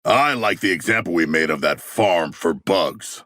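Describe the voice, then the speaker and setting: A male actor voicing a huge, earnest, literal-minded shark-man warrior in a video game, with a deep, gravelly voice and formal, stilted phrasing. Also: lively intonation, unhurried, sharp tone, no room sound, clean studio sound, full character voice. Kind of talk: video game character voice lines.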